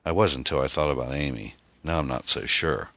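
A man's voice: extremely low pitch, a little fast, fairly bright tone, no room sound. A man voicing a worried, hesitant middle-aged single mother. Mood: anxious.

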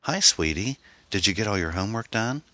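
A man's voice: fairly low pitch, expressive, brisk, sharp tone, no echo, voice pushed up. A man voicing a worried, hesitant middle-aged single mother. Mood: motherly.

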